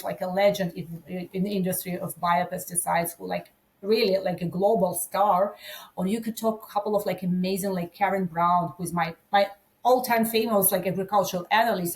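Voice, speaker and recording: A Ukrainian woman in her forties, an event organizer appearing as a guest in a conversational interview, speaks English with a Ukrainian accent. She's enthusiastic and uses "like" constantly, in a mid-range voice captured on a rough recording.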